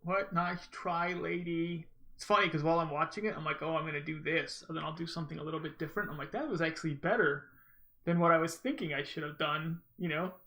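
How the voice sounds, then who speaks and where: Bright, creaky-voiced man rambling over gameplay. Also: a little high, steady tone, quick pace. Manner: rambling, informal, self-interrupting storytelling. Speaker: gamer, speedrunner commentating own run. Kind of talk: casual gameplay commentary.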